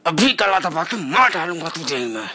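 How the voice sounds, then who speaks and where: A man's voice: on the high side, big pitch swings, moderate pace, sharp tone, breathy edge, no room sound, heavily acted. A man acting an angry father who scolds and threatens in a comedy skit.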